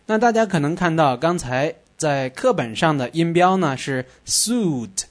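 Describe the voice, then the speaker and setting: A man teaching an English lesson on the radio, drilling words clearly and patiently. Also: a little high, animated, moderate pace.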